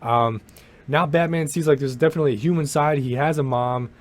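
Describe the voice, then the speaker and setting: A young man with a fairly high, brisk voice rants casually about a movie. His commentary rambles, with swearing and lots of restarts.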